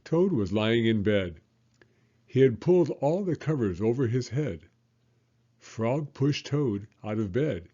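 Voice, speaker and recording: Storyteller man in his fifties, gentle, animated read-aloud voice, lo-fi audio. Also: medium pitch, slow. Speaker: elementary school teacher, storyteller. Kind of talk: children's read-aloud narration.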